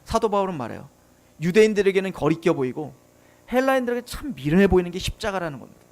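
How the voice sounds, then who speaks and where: A man's voice: high-pitched, sing-song, fast talker, a little mellow. A man preaching a sermon as pastor, earnest, who acts out scoffing unbelievers in a casual voice. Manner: earnest, preaching with rising and falling intensity.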